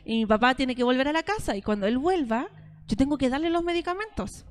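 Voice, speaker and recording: A woman's voice: high voice, lively intonation, fast talker. A woman, preaching a sermon as pastor and acting out both sides of conversations as she tells stories.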